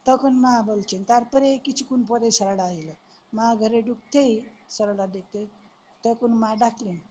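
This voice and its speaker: Higher-voiced woman, monastic storyteller at a devotional talk, gentle and reminiscing, with a faint hiss underneath. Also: a little slow, lo-fi sound. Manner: gentle reminiscing, acts out quoted dialogue. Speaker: monastic speaker at a devotional gathering. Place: online satsang talk.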